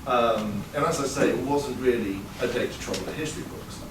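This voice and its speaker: Speaking a little fast at a medium pitch, a man spins a wry story for an audience at a performance venue. He sounds conversational and drops in lots of fillers. The sound is roomy and live, picked up by a far-off mic over a noisy background.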